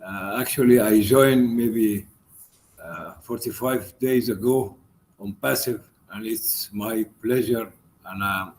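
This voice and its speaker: A man's voice: lowish voice, darkish tone. A man introducing himself courteously on a work video call. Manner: slow, courteous.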